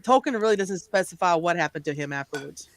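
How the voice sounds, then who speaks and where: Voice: mid-range voice, lively intonation, fast, crowd noise, poor audio. Matter-of-fact speaker explaining lore. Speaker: panelist. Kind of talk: casual group chat.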